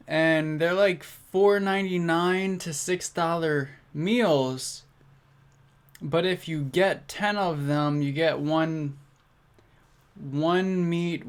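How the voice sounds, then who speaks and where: A young man chatting on a live stream, rambling with fillers and restarts, his mouth full as he eats. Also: fairly high pitch. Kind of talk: casual chat to a live stream.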